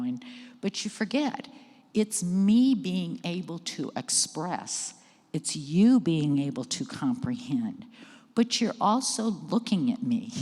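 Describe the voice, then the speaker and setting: A woman's voice: low voice, darkish tone. A middle-aged woman giving an educational presentation on caregiving, speaking conversationally to a live audience in a church hall. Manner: conversational, checks in with the audience and cues slides. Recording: long hall reverb.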